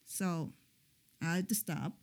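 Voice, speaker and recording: A middle-aged woman co-hosting a casual chat show, talking slowly and hesitantly with frequent pauses. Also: fairly low pitch, a little mellow. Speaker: podcast co-host.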